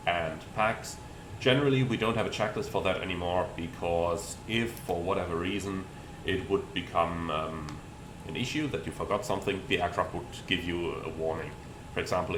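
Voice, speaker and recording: A man with a fairly low voice gives pilot commentary on a flight simulator. He explains procedures step by step, in a roomy sound with clear background noise. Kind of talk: explanatory commentary with radio readbacks.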